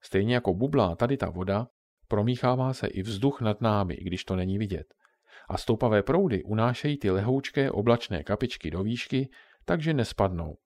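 A man voicing a kindly old grandmother who patiently explains things to her grandchildren, in a low voice. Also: expressive, darkish tone, dry recording.

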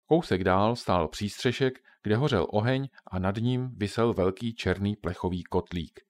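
A man with a low, steady voice narrating a children's storybook. His reading is calm and measured, scripted audiobook narration without fuss.

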